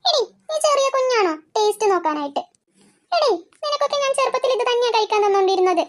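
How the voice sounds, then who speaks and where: A woman voicing a brisk, scolding adult mother in a cartoon, speaking lower than the girl figure. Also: lively intonation. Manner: chatty, scolding. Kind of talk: cartoon voice acting.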